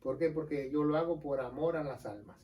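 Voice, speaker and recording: A man's voice: a little high, darkish tone, far from the mic, poor audio. A man with a Mexican accent, a pastor teaching scripture in an earnest, casual conversation on a religious show. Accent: Mexican Spanish. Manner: earnest, explains scripture, quick aside jokes.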